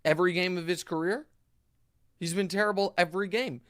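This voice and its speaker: A man hosting a casual sports talk show, emphatic and animated, often restarting his sentences. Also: high voice, brisk, no echo, clean studio sound. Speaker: host.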